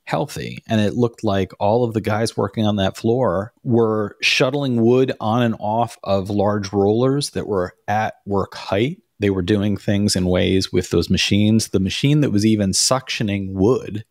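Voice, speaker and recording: A man's voice: lowish voice, unhurried, hardly any pauses, a little mellow, dry recording. A man in his forties co-hosting a podcast from a room at home, chatting casually with wry joking asides into a studio mic. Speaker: podcast co-host. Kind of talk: casual chat. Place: home room with door and framed picture. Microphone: studio mic with pop filter.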